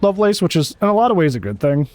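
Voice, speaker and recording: A man's voice: sits high, big pitch swings, rapid-fire, darkish tone, no echo. A man giving blunt, sarcastic, chatty commentary as he reviews a player's match from home.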